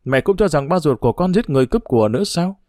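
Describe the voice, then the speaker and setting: A man's voice: on the high side, lively intonation, very fast, mellow, no room sound, studio quality, natural voice. A man voicing an earnest, grieving young woman who pleads with her parents in a read-aloud novel.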